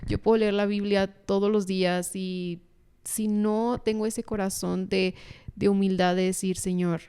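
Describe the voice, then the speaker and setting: A young woman from Mexico, a podcast guest, sharing a personal faith testimony in a casual, earnest and animated way. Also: mid-range voice, unhurried, clean tone. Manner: earnest, animated storytelling with laughs.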